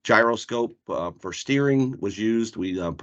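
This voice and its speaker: Deep-voiced man presenting on a video call. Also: unhurried. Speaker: colleague presenting a project report. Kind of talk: informal work presentation. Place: online meeting. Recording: dull, lo-fi video call audio.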